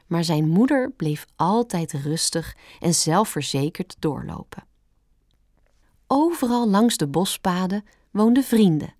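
A woman narrates a children's storybook at an unhurried, slow pace. Her reading is calm, gentle and expressive. The voice sounds dry and close, with no room around it. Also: lowish voice, no room sound.

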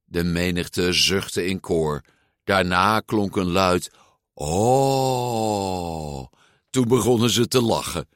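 Slow, expressive male storybook narrator. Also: low-pitched, no echo, clean studio sound. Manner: expressive, unhurried. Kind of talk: storybook read-aloud narration.

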